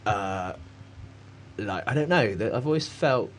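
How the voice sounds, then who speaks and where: A man's voice: fairly low pitch, lively intonation, measured pace, slight background noise. A man talking in a casual conversation, rambling and hesitant with many fillers and frequent laughs. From Cornwall, England. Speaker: artist guest.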